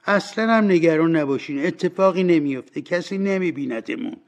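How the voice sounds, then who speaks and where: A man voicing a spiteful old washerwoman in an audiobook, indignant and shrill. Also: expressive.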